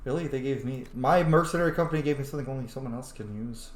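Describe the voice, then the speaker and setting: A man with a medium-pitched voice races through casual let's play commentary, roleplaying a video game and rambling as he thinks aloud. The recording has a roomy echo, faint background noise, and video game ambience behind him.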